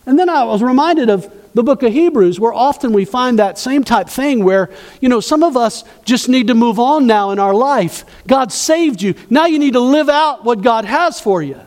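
High-voiced man preaching a sermon. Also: animated, moderate pace, hardly any pauses, darkish tone, big-room sound. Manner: preaching with rhetorical questions to the congregation. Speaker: pastor.

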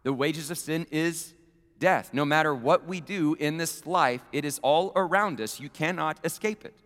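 A man preaching a sermon as pastor, emphatic, swelling to loud peaks and falling to near-quiet. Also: a little high. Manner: emphatic, building to loud peaks then dropping soft. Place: church sanctuary. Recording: long hall reverb.

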